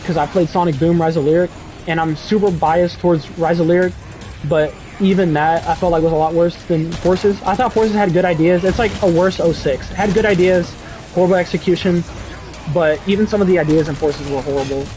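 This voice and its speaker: A young man streaming casually, reading chat and rambling excitably with lots of "dude" and "bro". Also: on the high side, fairly quick, over music.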